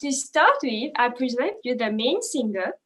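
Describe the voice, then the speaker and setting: A woman's voice: fairly high pitch, sing-song, moderate pace, a bit bright. A woman making formal announcements and translations for a music group.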